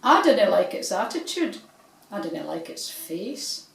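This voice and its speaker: Woman voicing a male swan, Scottish, fearful, indignant, lively swoops, slow, echoey. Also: medium pitch, gravelly. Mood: fretful. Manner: quivering, indignant. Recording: roomy, from a distance.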